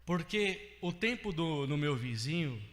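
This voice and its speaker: Brazilian male preacher, high lively voice, emphatic swells, long church reverb. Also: measured pace. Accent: Brazilian Portuguese. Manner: animated, rising to emphatic outbursts. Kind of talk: sermon.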